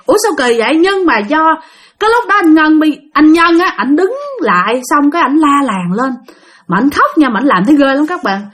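Lively Southern Vietnamese woman storyteller. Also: high voice, brisk. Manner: lively, addresses listeners directly. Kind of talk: ghost story narration.

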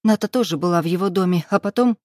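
A woman's voice: lowish voice, fast talker, darkish tone, no room sound, clean studio sound, natural voice. Woman reading as a frightened young pregnant girl. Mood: pleading, tearful. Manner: tearful, pleading, defiant. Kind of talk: audiobook dialogue reading.

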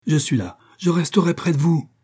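Brief: a man reading a protective young officer, dark, husky, urgent. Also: mid-range voice, lively intonation, a little fast, voice pushed up. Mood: desperate. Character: loyal young male officer, dutiful, protective.

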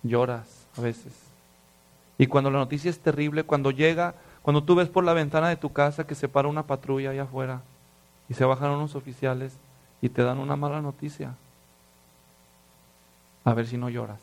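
A man preaching a sermon, telling stories with lively acted voices and dropping to hushed, serious tones. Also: mid-range voice, moderate pace, pauses often. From Mexico. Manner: animated storytelling, acts out voices, drops to hushed tones. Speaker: pastor.

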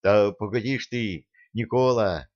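Man doing a soft-spoken old monk elder. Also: lowish voice, dry recording. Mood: gentle. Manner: soft, slow, soothing. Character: gentle old monk elder, calm peacemaker. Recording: dull lo-fi sound.

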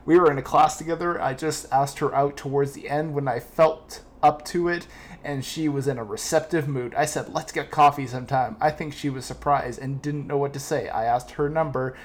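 A man's voice: medium pitch, fairly even intonation, normal speed. A man hosting a comedy podcast, joking around and reading listener emails aloud. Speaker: podcast host. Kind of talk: casual comedic podcast chat.

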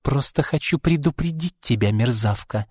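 A man's voice: mid-range voice, animated, moderate pace, a little mellow, slightly rough, no room sound, studio quality, big-room sound, voice pushed up. A man voicing a spiteful, jealous young woman who sneers and hisses threats. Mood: spiteful, menacing.

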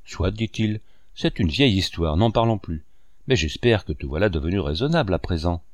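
A man's voice: sits low, lively intonation, fairly quick, no echo, studio quality. A man voicing a greedy, mocking male accomplice who blackmails in a sneering, taunting way.

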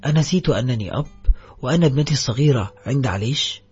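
Casting: a man playing a grim ex-convict father, low and husky, holding his rage in check, for an audiobook. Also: lively intonation, quick pace. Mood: restrained. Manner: quiet, restrained delivery. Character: grim ex-convict father, controlled, simmering anger. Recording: dull lo-fi audio, faint music.

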